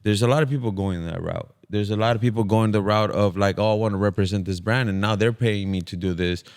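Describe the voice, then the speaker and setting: A man's voice: lowish voice, quick pace. A man in his thirties in casual podcast chat, giving earnest advice. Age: 30s. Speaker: podcast co-host.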